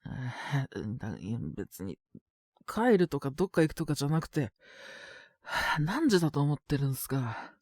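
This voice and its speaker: In a clean, dry studio recording, an actor with a fairly high, slightly mellow voice and wide pitch swings speaks at normal speed as a sick young man in a Japanese boys' love situation voice drama. Coughing in frequent fits from a cold, he grumbles politely to his senior in casual junior speech, sighing and mumbling reluctant, pleading replies in this intimate one-sided dialogue.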